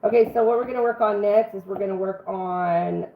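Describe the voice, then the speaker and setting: A woman's voice: medium pitch, brisk. Under-the-weather woman on a tinny kitchen stream. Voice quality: rough, congested-sounding voice. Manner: folksy, chatty, addresses viewers by name. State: sick for two weeks, throat-clearing. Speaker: host of a live home cooking stream. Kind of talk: casual live cooking chat. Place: home kitchen, live stream. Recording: roomy, band-limited phone-like stream, faint noise.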